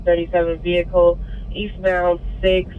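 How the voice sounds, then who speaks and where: A woman's voice: lowish voice, measured pace. Tinny police radio dispatcher woman. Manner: clipped, flat, reads out codes and locations. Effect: police radio scanner transmission. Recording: tinny radio scanner with static.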